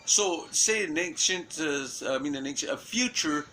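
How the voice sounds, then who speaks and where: A man talks off the cuff in a long rambling monologue, often stalling on fillers and restarting his sentences. His voice sits a little high and comes across bright and forceful, with a faint hum of background noise, and he swears freely as he goes. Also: animated, moderate pace, rough recording. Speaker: self-styled messenger giving a prophecy.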